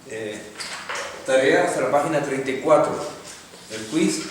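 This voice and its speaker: A man's voice: mid-range voice, expressive, unhurried. A man teaching a Hebrew grammar class, patiently explaining step by step and checking in with students. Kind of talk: classroom lecture. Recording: echoey classroom from far off, faint noise.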